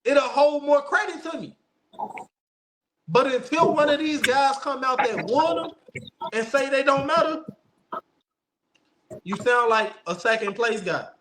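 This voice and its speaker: A man's voice: extremely high pitch, a little slow, pauses often, background noise. A man hosting a casual basketball debate show, giving opinions emphatically and insistently, repeating phrases for stress. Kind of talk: opinionated casual sports talk.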